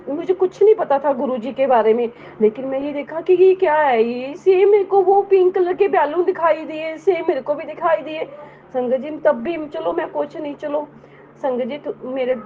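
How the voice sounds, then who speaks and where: A middle-aged woman giving an earnest personal testimony to a congregation, often addressing her listeners directly. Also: high voice. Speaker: devotee sharing a testimony. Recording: tinny phone-like audio, faint hiss.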